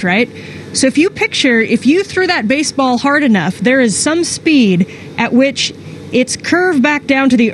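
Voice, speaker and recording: A middle-aged woman speaking as an astronaut, explaining things step by step with everyday examples into a handheld microphone. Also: on the high side. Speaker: astronaut answering students' questions. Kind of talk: plain educational explanation. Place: inside a space station module. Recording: faint noise over a space link.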